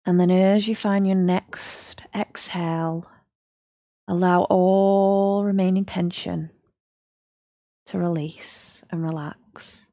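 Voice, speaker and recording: Slow, soothing woman guiding relaxation. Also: on the low side, steady tone, dark tone, dry recording, clean studio sound. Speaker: yoga teacher. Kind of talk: guided relaxation.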